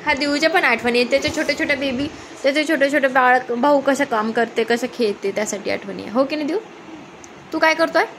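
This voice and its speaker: A woman's voice: sits high, a little fast, fairly bright tone, a little hiss or hum. Woman coaxing children in baby talk. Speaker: mother filming her children. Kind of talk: casual family home video.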